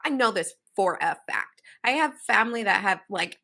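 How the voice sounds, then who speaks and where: A woman's voice: mid-range voice, animated, moderate pace, vocal fry, bright, forceful tone. A woman from Hawaii with a Valley Girl accent, co-hosting a podcast discussion in an earnest, reflective way, often checking in with "right?". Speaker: podcast co-host. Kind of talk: casual discussion.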